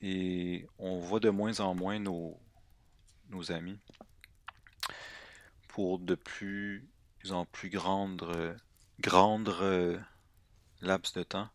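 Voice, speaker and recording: A man's voice: sits low, steady tone, slow, dry recording. A man in his twenties with a Québécois French accent, delivering a comedic, rambling monologue to camera, full of hesitations, slang and restarts. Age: 20s. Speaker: vlogger.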